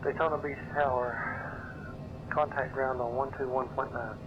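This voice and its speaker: Flat male tower voice over cockpit headset. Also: mid-range voice, measured pace. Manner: flat, clipped controller phraseology. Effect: cockpit headset radio transmission. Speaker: simulated control tower radio voice. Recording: muffled radio with loud game noise.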